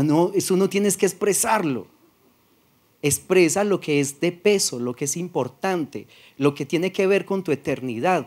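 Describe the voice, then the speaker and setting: A male pastor with a Paisa Colombian accent, preaching in a soft-spoken, conversational way. His voice sits a little high for a man, and he acts out short exchanges with his listeners instead of shouting. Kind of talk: sermon.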